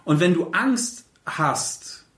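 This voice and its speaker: A man's voice: a little high, slow pace, far from the mic. A man hosting a podcast, talking in a casual, emphatic and blunt way. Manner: animated, emphatic, with blunt colloquial remarks. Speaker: podcast host. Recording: echoey room, set back from the mic.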